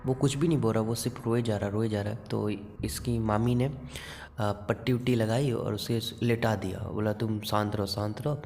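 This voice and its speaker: A man's voice: fairly low pitch, fairly even intonation, moderate pace, mellow. A man narrating a horror story in a casual, conversational way, with fillers.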